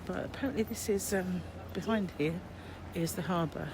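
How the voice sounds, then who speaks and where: A woman's voice: on the low side, normal speed. British lady doing a travel vlog outside, chatty rambly sightseeing talk, noisy background. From Britain. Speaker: travel vlogger. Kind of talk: casual rambling sightseeing narration. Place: outdoors on a city street. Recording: noisy outdoor city recording.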